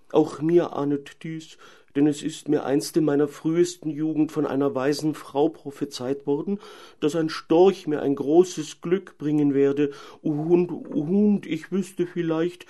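A man voicing a lonely, sad enchanted owl princess who hoots between her slow, mournful phrases. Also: a little high, fairly even intonation, mellow, voice pushed up. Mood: pleading.

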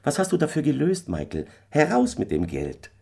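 A man's voice: a little high, huge pitch swings, normal speed, gravelly, darkish tone, husky, pitched above the performer's own voice, full character voice. A man voicing a worried, scolding peasant wife in a fairy tale, firing off nagging questions.

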